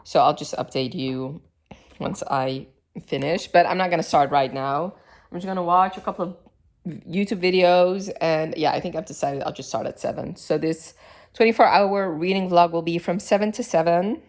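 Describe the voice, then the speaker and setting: Young woman vlogging from her couch, low voice, rambly and chatty, lots of ums. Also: moderate pace, a little mellow. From Iraq, raised in the Netherlands. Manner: chatty, rambling, lots of fillers and self-corrections. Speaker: book vlogger. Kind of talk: casual chat to camera. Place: at home on a couch.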